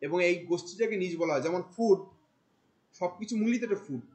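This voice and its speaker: A man, teaching a class. He talks in a colloquial, animated way, firing questions at the students. He drops English terms into his explanations. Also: high voice, fast talker, low-quality recording. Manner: questions the class often, mixing in English words. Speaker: marketing instructor. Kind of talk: classroom lecture.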